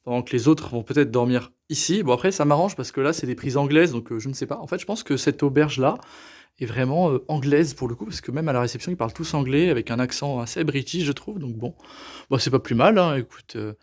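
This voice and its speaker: A man's voice: medium pitch, animated, fast, a little mellow, dry recording. Tired, chatty male travel vlogger. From France. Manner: chatty, enthusiastic, many fillers. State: tired, sore feet. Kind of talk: casual travel vlog. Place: outdoors in a city and indoors in a hostel. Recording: street noise behind a handheld camera.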